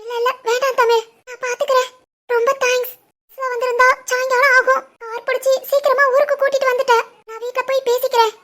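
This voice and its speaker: A woman voicing a tearful young village woman in an animated drama, speaking softly with a Tirunelveli Tamil accent. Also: extremely high pitch, fast talker. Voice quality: soft, subdued.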